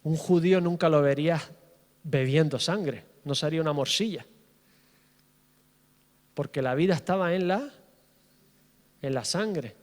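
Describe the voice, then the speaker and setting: A man's voice: fairly high pitch, a little slow, pauses often. A middle-aged man preaching a sermon as pastor, passionate and building with repetition. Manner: impassioned, rising in fervor with repetition. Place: church hall. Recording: reverberant church hall.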